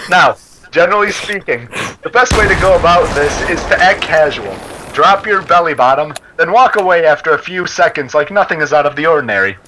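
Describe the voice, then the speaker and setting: A man's voice: on the high side, expressive, moderate pace, sharp tone. Man reading a story in game chat. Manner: laughs and stumbles over words while reading. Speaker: story reader. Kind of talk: casual reading aloud to friends during a game. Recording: noisy game chat with gunfire. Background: game gunfire and clicks.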